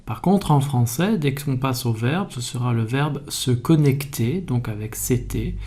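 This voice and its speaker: A man calmly explaining spelling in a video lesson, methodical and even. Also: medium pitch, measured pace. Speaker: French language teacher.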